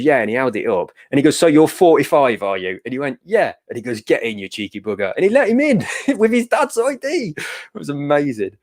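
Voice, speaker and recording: A man's voice: mid-range voice, a little mellow. A middle-aged man hosting a giveaway livestream, chatting casually, answering viewer comments and telling jokey stories. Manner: laughing, jokey storytelling.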